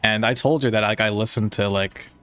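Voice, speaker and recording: On a game stream with soft music playing, a young man reads his chat in a lowish voice that is smooth, a bit bright and slightly nasal. He talks fairly quickly with fairly even intonation, rambling in a laid-back style and using "like" and other fillers a lot.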